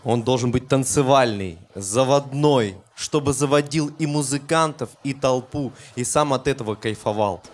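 A man's voice: medium pitch, normal speed, hardly any pauses. A man, a musician, giving spontaneous interview answers in a TV studio. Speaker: musician, show contestant.

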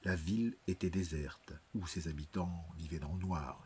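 A man reading an audiobook in measured, dramatic scripted narration. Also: deep voice, background noise.

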